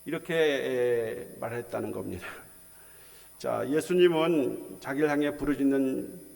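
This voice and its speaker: A male pastor delivering a sermon, slow and measured, with frequent filler sounds between phrases. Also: medium pitch, creaky, darkish tone, big-room sound. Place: church sanctuary.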